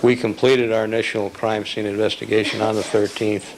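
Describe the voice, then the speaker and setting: A man testifying as a detective witness in a courtroom recording, giving terse, measured and cautious answers under cross-examination. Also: lowish voice, level tone, background noise.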